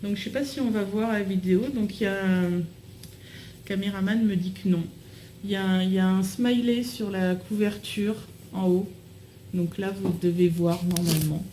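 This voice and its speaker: A woman's voice: mid-range voice, fairly even intonation, moderate pace, warm tone, echoey room, slight background noise, poor audio. A young woman chatting casually to camera as she unboxes a package at home, bubbly and full of fillers. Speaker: vlogger unboxing a swap package.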